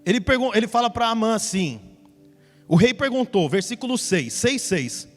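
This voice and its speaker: Male pastor, very high voice, lively storyteller, church hall echo with faint music. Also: normal speed. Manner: lively storytelling preacher who acts out the characters. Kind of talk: sermon.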